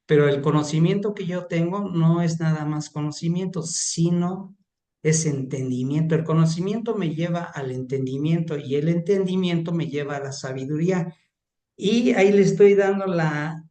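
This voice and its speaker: A man's voice: fairly high pitch, dark tone. A man, a pastor and counselor, sharing a rambling, emphatic story in an online class. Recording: roomy echo.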